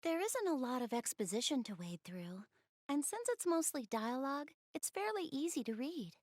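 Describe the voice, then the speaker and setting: A high, very animated voice with a slightly dark tone carries this shy, bookish goddess girl, voiced by a woman for an English visual novel dub. She talks at a moderate pace, politely and eagerly, hesitating bashfully while rambling about hobbies, in studio-quality audio without echo.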